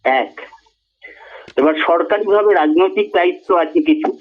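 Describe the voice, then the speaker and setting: Man, earnest and emphatic, fairly high voice, tinny phone-like radio sound. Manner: earnest, emphatic, speaks in measured phrases. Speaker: guest speaker. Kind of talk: radio talk on language.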